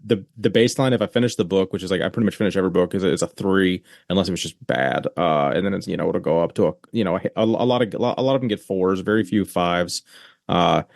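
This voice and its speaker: A man with a very low, deep voice, hosting a podcast and chatting in a halting way full of restarts. The sound is dry and close, with no room. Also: vocal fry, no echo. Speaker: podcast host. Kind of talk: casual chat.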